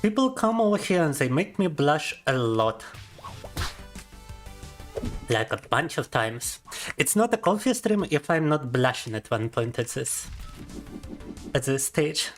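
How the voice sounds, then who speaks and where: With soft background music playing, a young VTuber streamer, Russian by first language, playfully teases his audience, reads chat aloud, and laughs often in casual livestream chat. His fairly high voice is sing-song and a little slow, with long pauses.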